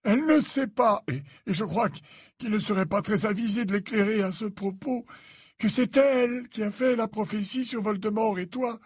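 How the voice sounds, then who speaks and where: A man voicing an old headmaster wizard who speaks in a measured, patient, slightly tired way. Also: high-pitched, breathy edge, dry recording, clean studio sound, pitched above the performer's own voice. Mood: weary patient. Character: old male headmaster wizard, weary and gently formal.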